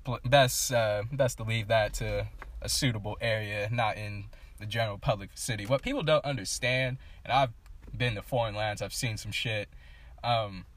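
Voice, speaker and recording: A man co-hosting a casual podcast, explaining his points in a relaxed, lecturing way. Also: on the low side, moderate pace. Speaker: podcast co-host.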